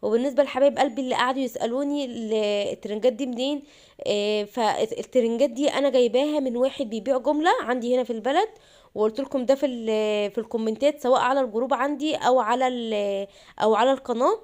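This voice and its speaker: A woman's voice: on the high side, fast, darkish tone. A young woman with an Egyptian accent, chatting to viewers while narrating a home cleaning vlog. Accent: Egyptian Arabic. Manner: chatty, addresses viewers directly. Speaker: vlogger.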